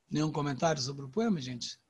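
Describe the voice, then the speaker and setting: An older man with a Brazilian Portuguese accent giving a relaxed online poetry lecture, talking conversationally with many "né?" tags and restarts. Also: medium pitch, husky, dry recording. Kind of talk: informal literary lecture.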